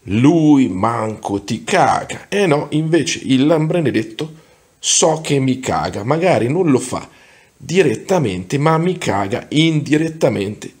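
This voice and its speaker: A man's voice: fairly high pitch, animated, a little slow, darkish tone. A man in his forties giving casual commentary to camera and reading out comments in a sarcastic, mock-scolding manner, recorded indoors in a small room. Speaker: video blogger reacting to viewer comments.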